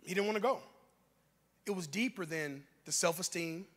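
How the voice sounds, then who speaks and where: A male pastor preaching a sermon, rising to shouts and calling for response, acting out scripture characters in a raised voice. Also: sits high, moderate pace, in a large hall. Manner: acts out biblical figures' lines in a voice raised for dramatic effect. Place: church sanctuary.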